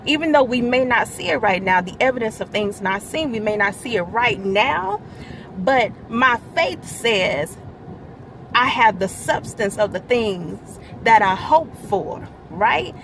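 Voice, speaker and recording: Her pitch fairly high, a church media ministry leader offers a midweek devotional in an animated yet unhurried way. She punches important words, gets louder when explaining scripture, and laughs lightly between comments; the audio is poor, with slight background noise.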